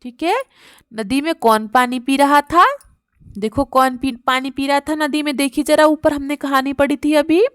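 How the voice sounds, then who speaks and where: A woman's voice: high-pitched, no room sound. Patient, dry-voiced woman teacher. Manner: patient, repeats words slowly for children. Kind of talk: workbook lesson for young children.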